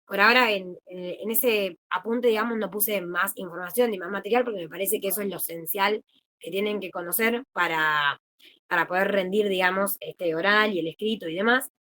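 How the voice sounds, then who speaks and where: Her voice is mid-range, bright, and forceful, delivered at a moderate pace with a little hiss or hum in the audio. She's a young adult peer tutor with an Argentine Spanish accent, casually explaining material during an informal video-call study session.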